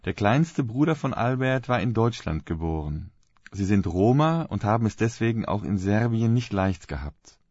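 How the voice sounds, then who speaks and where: A man giving a scripted spoken reflection, telling a story calmly and earnestly. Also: moderate pace, husky, no echo, lo-fi sound. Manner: calm, earnest storytelling with animated pitch.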